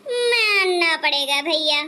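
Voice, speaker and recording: A sharp-tongued elder daughter-in-law from a cartoon, voiced by a woman. Her voice is high and bright. She speaks with constant sarcasm and accusation. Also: lively intonation, slow pace, full character voice. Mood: sarcastic. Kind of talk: Hindi cartoon dubbing.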